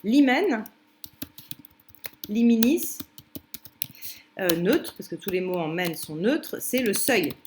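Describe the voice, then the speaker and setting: A woman's voice: fairly low pitch, animated, moderate pace, few pauses, noisy background. French woman explaining with many fillers. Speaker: teacher. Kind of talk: commented translation lesson.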